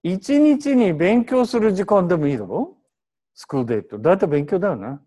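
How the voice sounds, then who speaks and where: A man's voice: high voice, animated, fairly quick, warm tone. A man teaching an English translation class in Japanese, prodding students with questions and switching into English.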